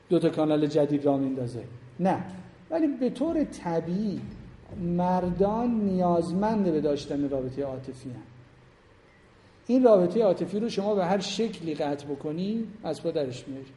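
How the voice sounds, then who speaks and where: A man's voice: on the high side, lively intonation, mellow. A middle-aged man giving an informal lecture on family life to a class, speaking conversationally and emphatically and putting questions straight to his listeners. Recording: roomy hall with long reverb.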